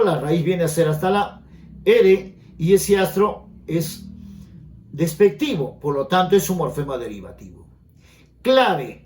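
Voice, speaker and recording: A man's voice: a little high, darkish tone, reverberant. A man teaching a grammar lesson for an entrance exam, explaining step by step and often checking in with his students. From Peru. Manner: explanatory, asks students frequent check questions.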